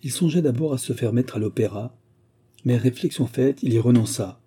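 Dark, husky male audiobook narrator. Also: mid-range voice, moderate pace.

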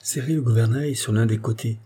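A man's voice: mid-range voice, brisk, dark tone, husky, close to an everyday voice. A man reading an audiobook, voicing an impassive, calculating mechanic who answers in curt, defiant lines. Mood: instructing. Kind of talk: audiobook character voice.

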